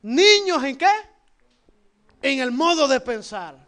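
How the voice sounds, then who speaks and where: A Salvadoran man preaching in a strikingly high voice. He fires questions at the congregation one after another, swinging from soft asides to loud emphasis. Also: slow pace. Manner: lively, shifts between loud and soft. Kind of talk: sermon.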